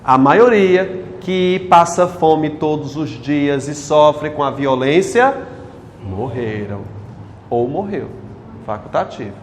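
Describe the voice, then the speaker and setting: A man's voice: fairly high pitch, slow pace, in a large hall, slight background noise. A male teacher lectures a class on grammar, quizzing the students with questions as he goes.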